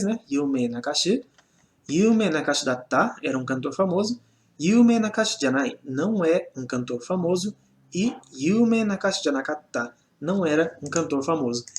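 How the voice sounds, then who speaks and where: A man's voice: a little high, a little mellow. A man with a Brazilian Portuguese accent teaching a casual online Japanese lesson, chatty and full of "né?" checks. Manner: chatty, fills with "né?" and restarts while typing examples.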